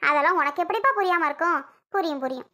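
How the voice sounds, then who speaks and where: A woman voicing a tearful, aggrieved elderly mother in a cartoon, wailing and complaining. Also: very fast. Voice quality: wailing, complaining, high and bright. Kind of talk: animated cartoon voice acting.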